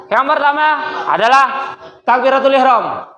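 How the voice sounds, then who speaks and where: High-voiced male teacher in an echoey classroom. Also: normal speed. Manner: lively, teasing, asks the class questions and acts out student voices. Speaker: religious studies teacher. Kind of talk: classroom lesson. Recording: echoey classroom with faint noise.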